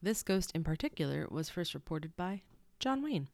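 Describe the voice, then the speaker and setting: A young woman chats her way through a solo podcast, wandering into asides as she goes. Her voice sits low and sounds stuffed up. The sound is dry, with no room around it. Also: very animated, normal speed, creaky, a little mellow, dry recording. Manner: rambling, chatty asides. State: stuffy nose. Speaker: podcast host. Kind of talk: casual solo podcast chat.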